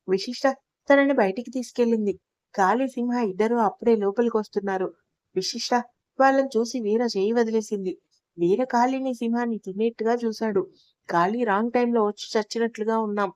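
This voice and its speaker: A woman narrating an audio story in a steady storytelling manner. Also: a little high, brisk, no echo, dull audio.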